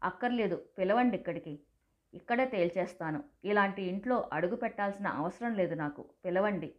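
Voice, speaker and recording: A woman voicing an angry grown son who shouts harsh, scornful accusations. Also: mid-range voice, normal speed, muffled recording, close to an everyday voice. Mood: furious, scornful.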